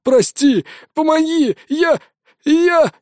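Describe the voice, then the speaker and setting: A man's voice: expressive, slow pace, darkish tone, no room sound, clean studio sound, exaggerated voice. A man voicing a frightened boy called Rat, begging tearfully for help in an audiobook. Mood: pleading. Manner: pleading, tearful, high-pitched.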